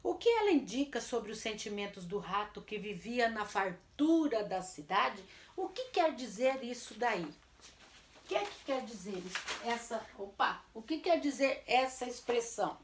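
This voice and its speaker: A woman's voice: on the high side, big pitch swings, moderate pace, roomy sound, a little hiss or hum. A woman teacher with a Brazilian Portuguese accent gives a class lesson for children. She stretches words out syllable by syllable and answers her own questions. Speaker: primary school teacher.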